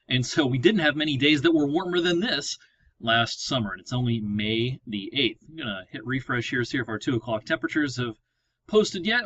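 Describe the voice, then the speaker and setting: A man's voice: medium pitch, a bit bright, no echo. A man working as a meteorologist gives a casual weather briefing, explaining as he clicks through maps at a computer. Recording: slightly dull lo-fi audio.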